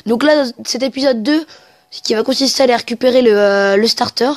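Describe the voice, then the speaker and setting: A higher-pitched woman chats her way through a video game, stumbling over words and reading the characters' lines aloud. She sounds sniffly from a cold, and her headset mic gives a dry, close sound with no room around it. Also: brisk, darkish tone, no room sound. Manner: chatty, hesitant, reads in-game dialogue aloud. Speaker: let's play gamer. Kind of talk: casual game commentary.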